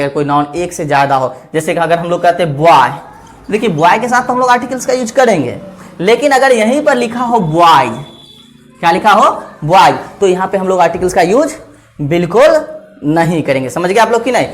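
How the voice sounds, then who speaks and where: A man teaching an exam-prep grammar lesson, repeating each point as a question and asking his students whether it is clear. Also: high voice. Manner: checks understanding with "clear?" and "theek hai na".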